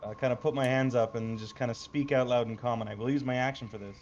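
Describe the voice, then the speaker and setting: A man's voice: mid-range voice, fairly even intonation, quick pace, darkish tone, slight background noise. Male player, casual and joking, dull lo-fi mic. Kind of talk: tabletop game play.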